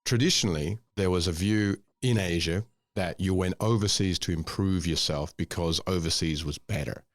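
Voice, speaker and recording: A man's voice: deep voice, normal speed. A man, hosting an interview in a reflective, affirming way. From Scotland, raised in Australia. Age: 50s. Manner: reflective, affirming, builds on guest's points. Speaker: host. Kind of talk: casual interview talk.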